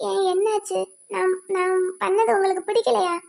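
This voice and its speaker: A woman's voice: extremely high pitch, little pitch movement, moderate pace, vocal fry, darkish tone. A woman voicing a sweet, clingy young wife in a cartoon, pleading and childlike. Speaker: cartoon voice actor. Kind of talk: cartoon voice acting.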